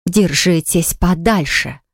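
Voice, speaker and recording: A woman's voice: fairly low pitch, fairly quick, a little mellow, dry recording, studio quality, natural voice. A woman voicing an indignant young woman baker who speaks in a shaky, upset voice.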